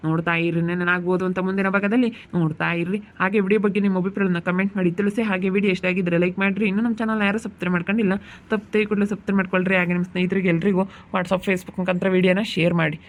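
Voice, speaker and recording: A man giving a brisk channel outro as host. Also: high voice, little pitch movement. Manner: brisk sign-off.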